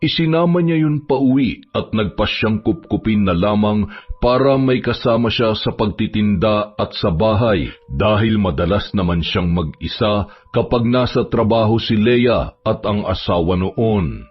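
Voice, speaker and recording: Husky, low-voiced male horror storyteller. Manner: steady, measured reading. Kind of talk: scripted horror story narration. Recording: dull lo-fi with background music.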